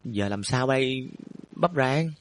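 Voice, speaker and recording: A man's voice: medium pitch, animated, takes it slowly, no echo, pitched above the performer's own voice. A man voicing a timid, anxious schoolgirl with pigtails who pleads worriedly.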